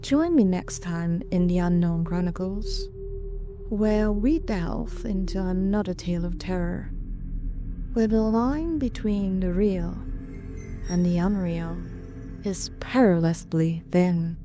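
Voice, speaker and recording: A woman hosting a horror story show, delivering a theatrical monologue with sinister teasing and deliberate dramatic pauses. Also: fairly low pitch. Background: music.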